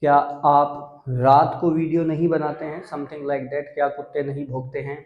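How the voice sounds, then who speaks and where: A man's voice: fairly high pitch, little pitch movement, moderate pace, roomy sound, narrow, tinny audio. A young Indian man teaching English grammar on a video channel, explaining step by step and mixing English terms into Hindi. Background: dogs barking.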